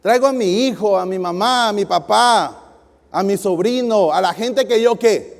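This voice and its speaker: Man, pastor, sermon, high voice, asks the congregation questions, echoing hall. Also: unhurried. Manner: lively preaching with questions to the audience. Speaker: guest pastor. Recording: long hall reverb.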